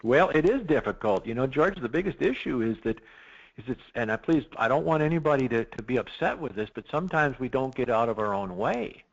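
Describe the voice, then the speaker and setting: Man, gravelly, animated pitch, excitable, lots of restarts, dull lo-fi audio. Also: a little fast. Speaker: risk management consultant. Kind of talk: podcast interview.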